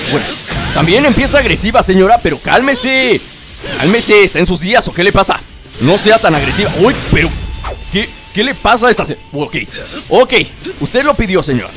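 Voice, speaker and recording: A man doing casual gameplay commentary, excitable and teasing the game characters as he plays. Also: high voice. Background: game music.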